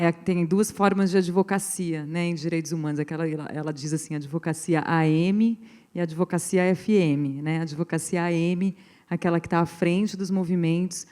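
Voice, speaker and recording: A woman's voice: sits low, a little mellow. A woman lawyer with a Brazilian accent speaking on a panel, earnest and rambling, with many restarts and fillers. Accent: Brazilian Portuguese. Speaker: pro bono lawyer on a panel. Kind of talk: panel talk to a live audience.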